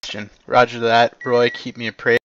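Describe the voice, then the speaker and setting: A man commanding players in an online war game, giving clipped orders and quick corrections over voice chat. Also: medium pitch, level tone, fairly bright tone, dull audio, slight background noise.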